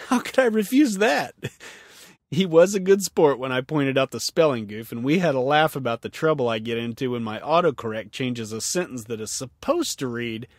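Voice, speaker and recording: Man, podcast host, self-mocking humor, animated pitch, dry close sound. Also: no room sound. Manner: jokey, self-mocking, laughs often. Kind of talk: solo podcast monologue.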